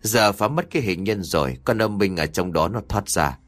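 A man voicing an older female fortune teller in an audio story, flat and matter-of-fact. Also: on the low side, normal speed. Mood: cold.

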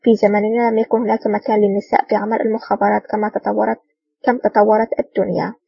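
A woman's voice: mid-range voice, level tone, quick pace, gravelly, husky. A woman reading the part of a courteous, formal older male ambassador, from a dull, distant recording.

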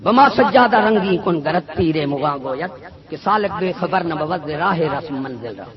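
A man preaching a sermon full of stories, emphatic and swinging between loud and soft. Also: on the high side, expressive. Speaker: Sufi preacher. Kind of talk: sermon with storytelling. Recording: dull lo-fi recording with a loud crowd.

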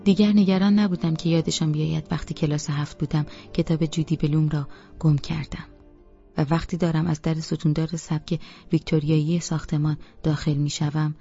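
Gravelly flat-voiced man narrating. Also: fairly high pitch, no echo, dull audio. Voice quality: gravelly, husky. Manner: flat, even reading. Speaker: audiobook narrator. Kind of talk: scripted first-person narration.

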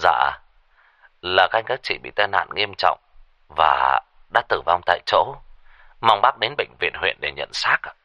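A man doing a halting, polite young policeman. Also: sits low, lively intonation, bright, forceful tone, highs cut off, heavily acted. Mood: hesitant. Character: hesitant young male traffic policeman on the phone.

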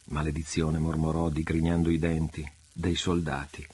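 A man's voice: a bass voice, monotone, moderate pace, a little mellow, breathy edge. A man reading aloud and voicing a fiery pirate chief, impatient and intensely driven. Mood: grim. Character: fiery young pirate chief, impassioned lover.

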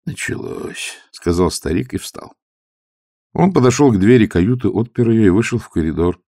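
Gravelly male audiobook narrator. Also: on the low side, lively intonation, normal speed, warm tone, no echo, studio quality.

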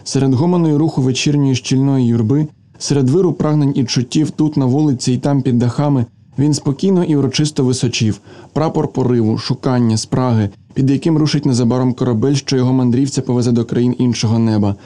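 A man reading a literary story aloud as an audiobook, in steady, measured narration. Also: medium pitch. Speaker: reader.

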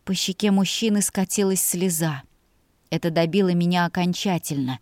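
A woman narrating a story in the first person with a measured, emotional reading. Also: on the low side, darkish tone, no echo, clean studio sound. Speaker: audiobook narrator.

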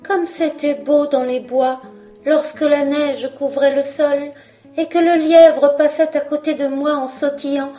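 A woman's voice: high voice, fairly even intonation, measured pace, warm tone, soft background music, voice pushed up. A woman voicing a proud young fir tree who muses wistfully about his past. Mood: musing. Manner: wistful, self-assured musing.

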